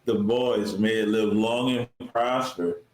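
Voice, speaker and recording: Male co-host, lowish voice, excitable and repetitive, roomy echo on the mic. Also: slow. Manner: enthusiastic, repeats phrases, playful. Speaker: podcast co-host. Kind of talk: casual review chat. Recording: echoey room with faint hiss.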